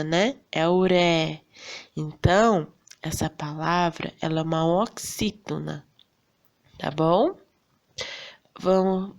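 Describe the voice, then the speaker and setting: Slow, patient Brazilian woman teacher. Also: lowish voice. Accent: Brazilian Portuguese. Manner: slow, patient, checks in with "tá bom?". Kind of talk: recorded lesson for fifth graders.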